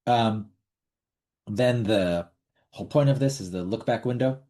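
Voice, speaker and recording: A middle-aged man with a low, mellow voice hosts a casual online webinar into a computer mic. He talks bluntly, repeats words as he goes, and swears now and then. His delivery stays loose and conversational. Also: a little slow. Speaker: webinar host.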